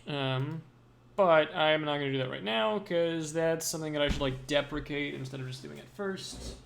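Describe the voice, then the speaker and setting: A man's voice: on the high side, moderate pace, creaky, a bit bright, slight background noise. A man livestreaming his programming work, thinking aloud in a loose, hedging way as he codes at his desk. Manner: mumbling to himself, self-talk with hedges. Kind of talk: casual thinking-aloud while coding.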